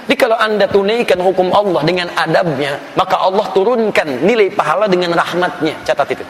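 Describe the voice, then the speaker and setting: A man delivers a religious lesson at a brisk clip, his voice pitched high and his delivery emphatic and animated. He works Arabic phrases into his teaching, and the sound rings through a large hall with a long reverb. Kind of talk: sermon-style religious lesson.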